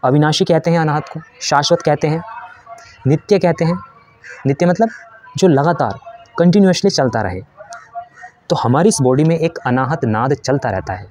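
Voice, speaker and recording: A spiritual teacher gives a patient lesson in an animated, darkish voice on the high side, speaking at a moderate pace with frequent pauses. He explains things step by step, poses questions and answers them himself, and demonstrates how to chant.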